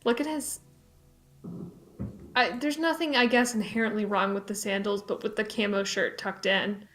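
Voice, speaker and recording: A woman's voice: medium pitch, steady tone, moderate pace, fairly bright tone, soft background music. A woman co-hosting a game stream, reading out chat and commenting in a casual, sardonic, sweary way.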